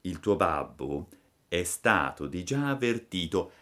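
A man voicing a kind, gently stern fairy woman with a calm, measured, motherly manner. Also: sits low, heavily acted. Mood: gentle.

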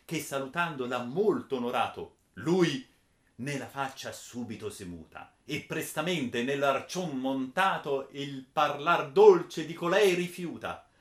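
Expressive male storyteller in an echoey room. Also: medium pitch, measured pace. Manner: expressive, swings between hushed and emphatic. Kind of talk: dramatic storytelling of a chivalric tale.

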